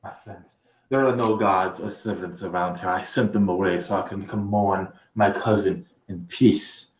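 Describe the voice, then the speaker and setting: A man's voice: lowish voice, unhurried, darkish tone, reverberant, close to an everyday voice, rough recording. A man voicing an anxious, scheming male court vizier who pleads and stammers. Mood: bitter.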